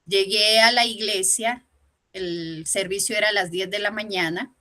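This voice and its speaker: A woman's voice: medium pitch, steady tone, measured pace, sharp tone. A woman giving a personal testimony during a church Bible lesson, telling her story animatedly and acting out the dialogue.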